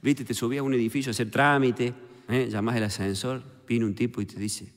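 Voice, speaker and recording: A man's voice: mid-range voice, fairly even intonation, a little fast, big-room sound, slight background noise. A man from Córdoba, Argentina, with a Cordobés accent, doing a stand-up routine in a chatty joke-telling way full of little "viste" and "eh" tags. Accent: Cordobés Argentine Spanish. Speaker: stand-up comedian.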